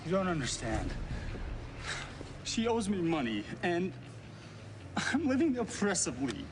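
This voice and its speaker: A man's voice: high-pitched, sing-song, measured pace, noisy background. An actor playing an aggrieved ex-boyfriend in a comic film, blustering and complaining as he demands what he is owed. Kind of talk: comedic film acting.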